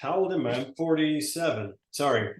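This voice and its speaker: A man's voice: fairly high pitch, expressive, normal speed, echoey room. A man in his forties telling his story in a casual, rambling way, often correcting himself. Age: 40s. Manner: rambling, self-correcting, folksy. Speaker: network marketing presenter. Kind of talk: casual testimonial talk.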